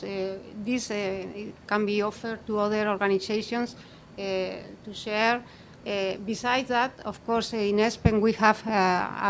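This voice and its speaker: A woman talks on a conference panel in halting phrases with frequent fillers. Her voice sits at an ordinary pitch, with a low rumble faintly behind her. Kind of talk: panel discussion.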